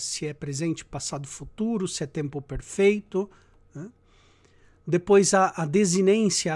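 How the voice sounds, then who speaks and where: A man teaching Latin grammar in a lecture, explaining slowly and checking in with his students, and chanting verb endings. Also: high voice, darkish tone. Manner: slow and deliberate, checks in with "tá?" and "né?".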